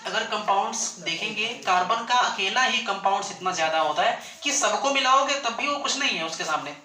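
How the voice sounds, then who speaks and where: A man with a high, bright, forceful voice speaks fairly quickly as a chemistry teacher lecturing his class. He poses questions, answers them himself, and repeats every point. The classroom is echoey, with students chattering in the background.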